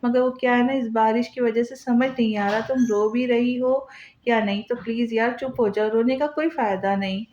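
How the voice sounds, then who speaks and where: A woman voicing a cruel, mocking young husband who taunts his wife in a soft menacing tone, in a roomy, dull lo-fi recording. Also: a little high, steady tone, moderate pace, lightly acted. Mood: taunting.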